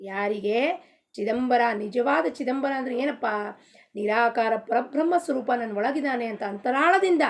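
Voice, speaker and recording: Woman spiritual teacher, high voice, question-and-answer devotional talk. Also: measured pace. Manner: asks rhetorical questions and answers them herself. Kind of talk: devotional discourse in Kannada with sung Marathi abhang.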